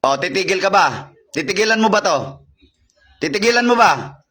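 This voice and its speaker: High-pitched guy doing a live healing stream, barking the same commands over and over, grilling a spirit. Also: expressive, normal speed, pushed and bright. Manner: commanding, repetitive, interrogating. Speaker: faith healer.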